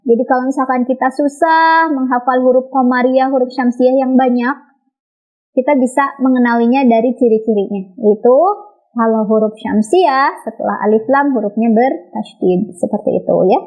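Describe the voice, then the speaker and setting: A woman with an Indonesian accent teaching children Quranic recitation rules, patiently repeating and modeling each sound slowly. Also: high voice. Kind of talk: online lesson for children. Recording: dull lo-fi recording.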